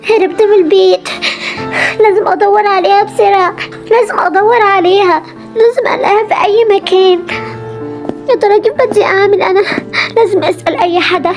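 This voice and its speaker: A woman voicing a young girl, an anxious and loving little sister who talks in a pleading, childlike way. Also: very high-pitched. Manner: childlike, pleading, quick and breathless. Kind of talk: amateur game drama voice acting.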